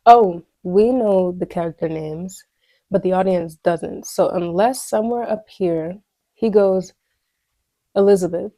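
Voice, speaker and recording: A woman's voice: mid-range voice, mellow, no room sound, low-quality recording. A woman vlogging casually as she writes a screenplay, rambling and chatty and talking to herself as she works out each scene. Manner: rambling, chatty, talks to herself, voices sound effects. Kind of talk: casual think-aloud screenwriting vlog.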